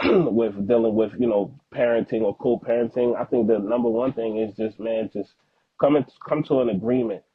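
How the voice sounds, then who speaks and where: His voice is lowish with a breathy edge, and the dry, phone-like narrow-band recording has no room sound. He's a young Haitian-background father in the United States whose first language is Haitian Creole, speaking earnestly and slangily as a podcast guest in a heartfelt, casual interview and repeating words to stress them.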